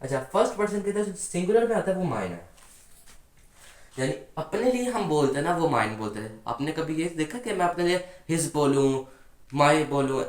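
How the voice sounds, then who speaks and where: A man's voice: on the high side, big pitch swings, normal speed. Patient male grammar teacher, roomy echo. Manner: patient, asks the class rhetorical questions. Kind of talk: explanatory classroom lesson.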